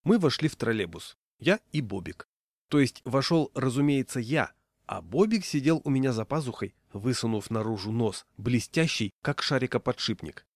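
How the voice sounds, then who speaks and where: Man reading a funny story out loud, dry close sound, mid pitch. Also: very animated, normal speed, no room sound. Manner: ironic first-person storytelling. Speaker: narrator.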